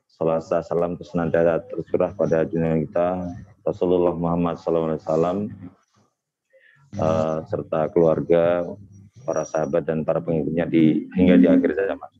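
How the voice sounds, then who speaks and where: A man in his forties giving a webinar talk to parents as a lecturer, unhurried and hesitant, with frequent fillers and tag questions. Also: deep voice, mellow, lo-fi sound. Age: 40s.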